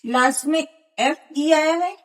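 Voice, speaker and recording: A woman's voice: high-pitched, takes it slowly. A woman teaching a grammar lesson, explaining patiently and spelling out examples one by one.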